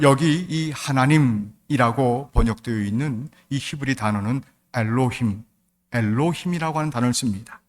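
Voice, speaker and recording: A man's voice: medium pitch, long reverb tail. A man, a pastor, preaching a sermon and speaking earnestly and directly to his congregation. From Gyeongsang region, Korea. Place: large church sanctuary.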